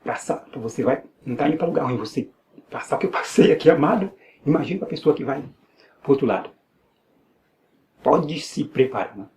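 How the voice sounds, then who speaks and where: A man's voice: mid-range voice, lively intonation, a little fast, long pauses, a little mellow, slight background noise. A man with a Brazilian Portuguese accent giving an earnest personal religious testimony, repeating phrases and restarting often. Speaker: evangelical believer giving testimony.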